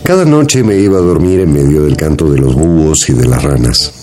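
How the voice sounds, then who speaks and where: A man's voice: very deep voice, animated, fairly quick. An actor playing a grown son recalling his mountain childhood in a folksy, reminiscing dramatized narration. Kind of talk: dramatized first-person narration. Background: guitar music.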